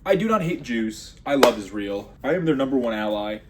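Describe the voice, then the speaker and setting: A man doing a rambling comedic monologue, sarcastic with deadpan asides. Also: medium pitch, fairly quick, very noisy.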